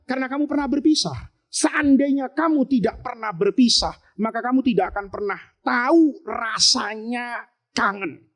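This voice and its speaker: A man giving a lively storytelling sermon to boarding-school students, joking, asking rhetorical questions and breaking into sudden shouts. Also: very high-pitched, moderate pace. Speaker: Islamic preacher teaching boarding-school students.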